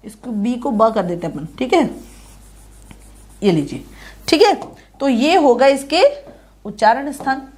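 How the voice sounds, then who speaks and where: A woman's voice: a little high, animated, a little mellow. A woman teaching an online grammar lesson, patiently explaining and often asking the students whether they have understood. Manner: explains patiently, checks understanding with repeated questions; recites sounds slowly one by one. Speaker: online tutor.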